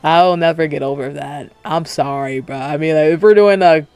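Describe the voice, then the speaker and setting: A man rambles through a late-night reaction stream, cursing freely and breaking off mid-thought. His voice sits a little high and has a gravelly edge, slightly thick from the retainers in his mouth. Faint music plays underneath. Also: normal speed, darkish tone. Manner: rambling, profane, self-interrupting. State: talking with retainers in. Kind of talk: casual reaction commentary.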